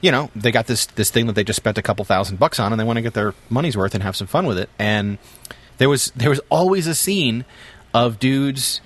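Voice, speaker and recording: A man's voice: mid-range voice, animated, brisk, fairly bright tone. A middle-aged man co-hosting a podcast, reminiscing in casual chat with jokes and lots of fillers. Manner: storytelling, joking, many fillers.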